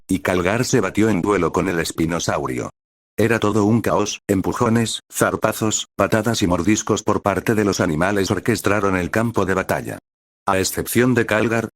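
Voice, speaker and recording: A man narrates a fantasy adventure story in a steady, measured reading. His voice is deep and low. The recording is dry and close. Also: no room sound.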